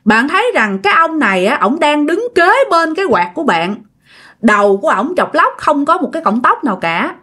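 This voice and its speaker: A woman with a Southern Vietnamese accent tells a ghost story in a casual, chatty way, speaking straight to her listeners. Her voice sits a little high, and she stretches repeated words to build suspense. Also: very animated, a little fast, pushed and bright.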